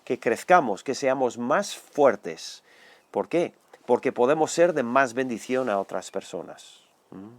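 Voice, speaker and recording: An older man from Spain with a Spanish accent, preaching a conversational sermon while hoarse from a lingering cold, often slipping into acted quotes. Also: medium pitch, lively intonation, unhurried, no echo. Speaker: pastor.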